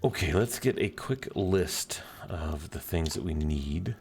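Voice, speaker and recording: A man's voice: low voice, animated, slow, creaky, a little mellow. A man casually commenting on his own gameplay, muttering and humming to himself as he plays. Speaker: video game player. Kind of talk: let's play commentary.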